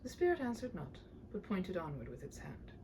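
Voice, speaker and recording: A woman hosting a read-aloud, moving between playful chat and dramatic, animated storybook narration. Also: fairly low pitch, fairly quick, a little hiss or hum. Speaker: channel host reading a classic aloud. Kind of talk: chatty host talk and expressive storybook narration.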